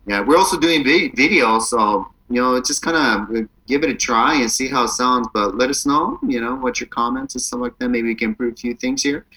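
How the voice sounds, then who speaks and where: Male podcast co-host, bright voice, goofy and playful, remote call audio. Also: mid-range voice, a little fast, few pauses, low-quality recording. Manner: jokey, playful, goofy outbursts. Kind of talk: casual podcast chat. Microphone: remote recording over the internet.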